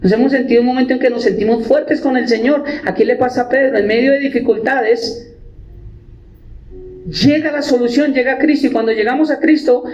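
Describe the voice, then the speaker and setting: A male pastor, preaching a sermon with animated delivery and acting out the voices of believers. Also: very high-pitched, fairly quick, a little hiss or hum. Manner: animated, acts out quoted believers. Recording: echoey church with music, dull sound.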